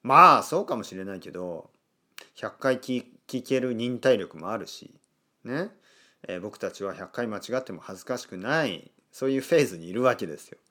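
A man hosting a casual solo podcast, talking slowly and clearly with many fillers. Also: on the low side. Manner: animated, acts out quoted voices. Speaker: podcast host.

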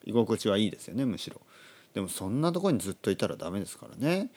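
A man hosting a casual podcast monologue for learners, speaking slowly and clearly, repeating himself and explaining words simply. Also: fairly low pitch, very animated, a little mellow. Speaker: podcast host for Japanese learners.

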